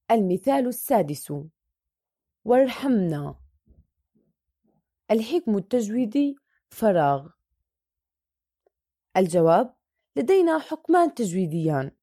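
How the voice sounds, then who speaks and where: A woman teacher with a mid-range, dark voice reads a Quran recitation worksheet aloud, methodically working through each question and answer and drawing out the example words. The recording is studio quality with no echo.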